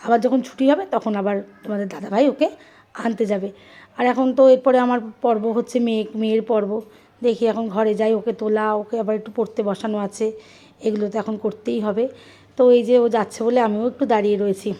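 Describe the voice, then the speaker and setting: A hoarse woman in her thirties, a mother chatting through her daily routine in a casual vlog. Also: mid-range voice, dark tone. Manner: chatty, addresses viewers directly. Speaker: vlogger and mother.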